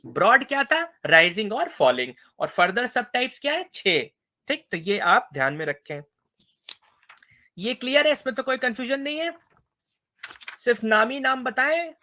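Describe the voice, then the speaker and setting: A man's voice: very high voice, big pitch swings, moderate pace, bright, forceful tone. A man giving a university English lecture, mixing two languages, who keeps checking that students understand. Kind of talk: bilingual classroom lecture.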